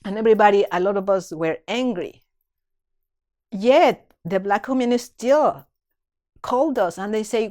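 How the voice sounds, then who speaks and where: A woman's voice: medium pitch, a little mellow. A middle-aged woman, a guest on a podcast, speaking earnestly and emotionally in a reflective storytelling way, often restarting her phrases. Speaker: podcast guest, community leader and dance teacher.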